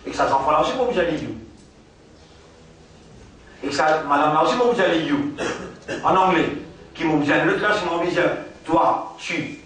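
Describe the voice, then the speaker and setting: Man, Mauritian accent, religious teacher, high voice, slow repetitive teaching, recorded from a distance with heavy echo. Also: a bit bright. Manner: repeats words slowly, mixes French with Arabic recitation. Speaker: Islamic teacher. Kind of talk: religious lesson after dawn prayer. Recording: very echoey room, from a distance.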